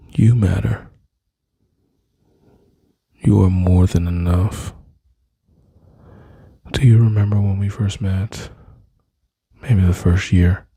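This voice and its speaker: A man speaking slowly and intimately into a close mic, soothing and reassuring, often dropping to a whisper. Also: sits low, vocal fry, dark tone, slightly rough, no room sound. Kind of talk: soft-spoken ASMR comfort roleplay.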